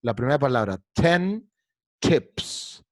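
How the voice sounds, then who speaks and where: This is a man leading an online pronunciation class over a video call, encouraging and repetitive as he drills his students. His voice sits at an ordinary middle pitch, and the sound is dry and close with no room around it. He often slows to a crawl to stretch out the sounds he is modelling. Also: big pitch swings, no echo. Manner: drills words slowly with exaggerated sounds; patient, encouraging, repeats words often. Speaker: English pronunciation teacher.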